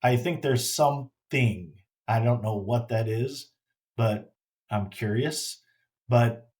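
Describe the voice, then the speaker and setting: A middle-aged man telling a personal story in a casual, halting way, often repeating words and restarting as he reflects. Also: fairly low pitch, darkish tone. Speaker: grieving father telling his story.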